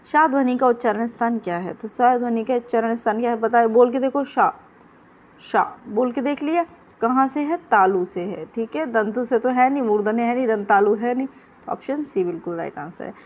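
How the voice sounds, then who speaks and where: Woman tutor for exam prep, brisk and coaching, somewhat high voice, drills each answer twice. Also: a little mellow. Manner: quizzing and repeating answers. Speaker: teacher.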